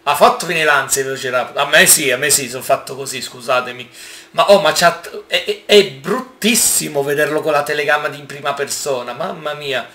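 A man giving casual gameplay commentary, excitable and exclaiming often as he talks to his viewers. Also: fairly high pitch, brisk, reverberant, a little hiss or hum. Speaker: gaming YouTuber.

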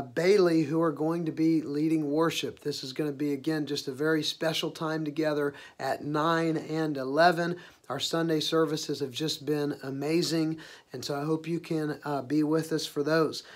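A man with a hoarse voice giving upbeat weekend service announcements as a church leader, with frequent "uh" fillers. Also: fairly high pitch. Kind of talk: casual spoken announcements.

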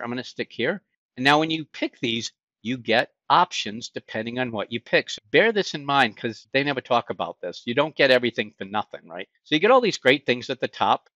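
A man's voice: mid-range voice, pushed and bright, no echo. A middle-aged man with a Boston accent, teaching a screen-share tech tutorial in a conversational way, asking himself questions and answering them. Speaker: instructor. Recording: dull lo-fi sound.

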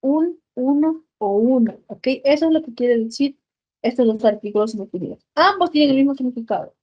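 Ecuadorian lady teacher, high voice, walks the class thru english grammar, says ok a lot. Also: fast talker, husky, muffled recording. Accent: Ecuadorian Spanish. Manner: explains in Spanish with English examples, checks with frequent "ok?". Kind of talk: online class lesson.

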